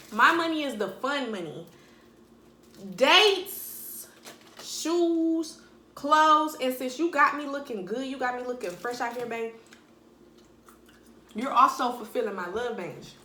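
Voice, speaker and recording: A woman's voice: a little high, sharp tone, reverberant. A young woman talking bluntly and animatedly in slang during a casual eating-video monologue at home. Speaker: vlogger.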